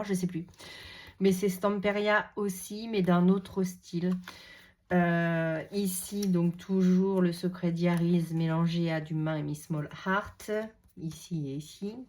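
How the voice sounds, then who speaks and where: A woman's voice: lowish voice, a little mellow. A woman hosting a casual crafting tutorial, chatting with frequent hesitations while she handles paper and stickers. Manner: chatty, hesitant with many fillers, talks while handling materials. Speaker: crafting video host.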